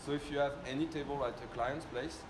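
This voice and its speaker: A company presenter with a French accent gives an informal product demo, speaking at a quick pace in a steady, mid-range voice. He explains step by step and often ends points with tag questions to check that listeners follow. The room is echoey, with loud background noise.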